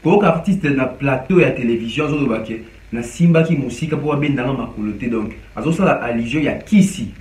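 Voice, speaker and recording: Man commenting from far off. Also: fairly high pitch. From DR Congo. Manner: mixes French and Lingala, animated with frequent hesitations. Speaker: music commentator. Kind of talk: casual spoken commentary. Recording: echoey room, distant from mic.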